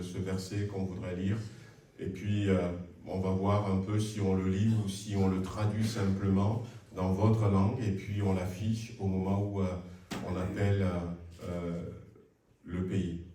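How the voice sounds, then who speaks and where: Deep and warm, a man's voice carries church announcements across a large indoor hall. He sounds friendly and hesitant, with plenty of filler sounds, and the faraway recording is full of echo.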